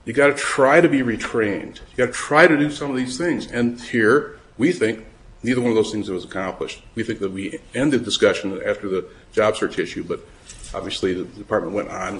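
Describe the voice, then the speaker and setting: A man's voice: lowish voice, moderate pace, fairly bright tone, low-quality recording. A man, an attorney, making an oral argument before judges, conversational and full of restarts. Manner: conversational, restarts often, acts out quoted speech. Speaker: attorney arguing before appeals court. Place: courtroom.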